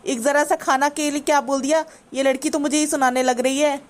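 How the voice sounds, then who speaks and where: Cartoon mother-in-law, bossy and scolding, high-pitched, voiced by a woman. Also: fairly even intonation, brisk, close to an everyday voice. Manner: scolding, complaining. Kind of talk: cartoon voice acting.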